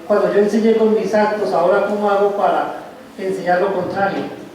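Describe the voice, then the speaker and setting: Pastor preaching in an echoey church. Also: male voice, sits high, dark tone, a little hiss or hum. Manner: slow, reflective preaching with pauses. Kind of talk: sermon. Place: church sanctuary. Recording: echoey church hall from far off.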